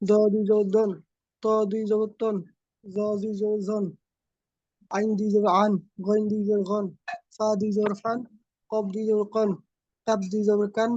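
A man student reciting letter drills in a steady, even way for his teacher. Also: sits high, a little slow, long pauses, no room sound, muffled recording.

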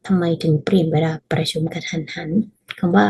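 A woman teaching a casual language lesson, patiently explaining and repeating phrases slowly so learners can practice. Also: lowish voice, steady tone, vocal fry, mellow, breathy edge, poor audio.

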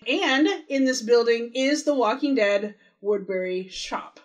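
With a fairly high voice and a measured pace, a podcast co-host talks through a TV episode in a casual recap chat, going over its details.

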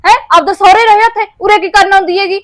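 A woman's voice: very high voice, steady tone. An actress with a Punjabi accent playing a quarrelsome young wife in a joint family, snapping back sharply and demanding her share. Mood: angry. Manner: sharp, quarrelsome, rapid retorts. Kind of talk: short film acting.

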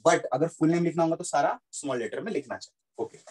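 A man's voice: fairly high pitch, expressive, fast, a little mellow, breathy edge, poor audio. A man teaching a physics lesson in Hindi mixed with English, repeating points and checking that students follow. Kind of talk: classroom lecture mixing Hindi and English.

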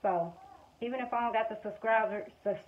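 This Missouri stay-at-home mom and vlogger, in her twenties with an American accent, speaks a little fast at a fairly high pitch, chatting frankly and colloquially to the camera. She's indoors in a small room at home, captured by a phone either propped up or held at arm's length. Dull, lo-fi phone audio carries faint household background noise.

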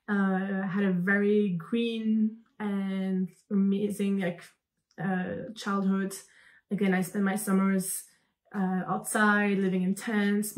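A young Belgian woman who founded a company answers interview questions as a guest over a video call from a room at home. She talks animatedly at a medium pitch, with lots of fillers and restarts.

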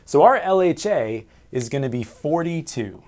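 Speaking at a normal pace, a navigation instructor in his forties delivers a whiteboard lesson in a fairly high, darkish voice that swings widely in pitch. He explains things step by step and fields his own questions, all in a small room featuring framed pictures and signal flags.

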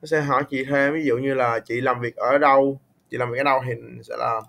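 A man's voice: medium pitch, steady tone, a bit bright. Patient Vietnamese man tutoring English. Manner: patient, repeats words slowly to correct pronunciation. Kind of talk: online English tutoring, casual.

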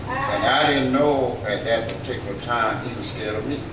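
Older Southern pastor, folksy and joking, heard from across a roomy church with loud background hiss. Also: male voice, medium pitch, normal speed. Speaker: visiting pastor. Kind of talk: church remarks. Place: church sanctuary, at a pulpit. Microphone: pulpit mic, filmed by far camera. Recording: echoey church from far off, loud room noise.

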